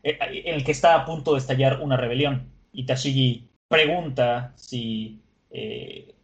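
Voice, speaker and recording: A man hosts a podcast and walks through an episode in loose, conversational speech. He laughs often and fills his pauses with small hesitation words. His voice sits at an ordinary middle pitch for a man. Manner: chatty, laughs often, frequent filler words. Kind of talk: casual episode recap.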